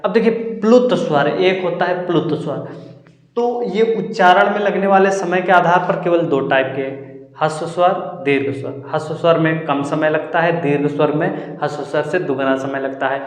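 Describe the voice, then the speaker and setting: A man's voice: on the high side, normal speed. A man teaching a Hindi grammar lesson for exam preparation, explaining step by step and sounding out vowels as examples. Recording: echoey room with long reverb.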